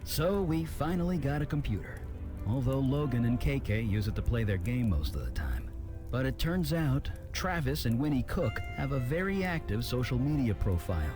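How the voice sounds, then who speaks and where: An actor playing a gentle, wistful man narrating in a video game. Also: mid-range voice, sing-song, moderate pace, music in the background, lightly acted. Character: gentle, wistful man missing his family.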